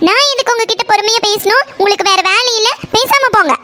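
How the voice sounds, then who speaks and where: A very high, bright, piercing voice for a hot-tempered young college girl in a village cartoon, as a woman acts her out. She speaks with a Kongu Tamil accent and snaps every line back in a scolding, dismissive tone. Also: quick pace, slight background noise. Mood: snapping. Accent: Kongu Tamil (Coimbatore). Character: sharp-tongued young college woman, quick to anger. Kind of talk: cartoon voice acting.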